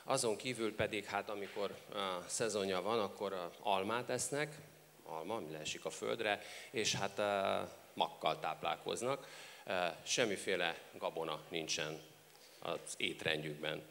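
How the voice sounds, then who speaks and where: A man working as a live consecutive interpreter, with a halting delivery. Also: deep voice, creaky, fairly bright tone. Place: large reverberant hall. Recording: echoey hall with background noise.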